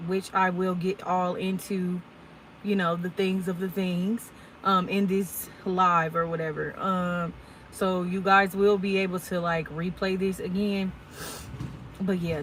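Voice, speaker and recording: A woman's voice: medium pitch, fairly bright tone, slight background noise, rough recording. A woman in her twenties, a truck driver chatting casually and candidly to her viewers in a live Q&A, full of y'all and ums. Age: 20s. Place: at work, unloading her truck.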